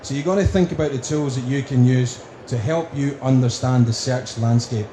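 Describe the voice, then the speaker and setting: A man with a broad Scottish accent giving a prepared conference talk, speaking deliberately in emphatic lists. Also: medium pitch. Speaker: conference speaker, company director. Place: indoor conference room. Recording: roomy, echoing venue with faint noise.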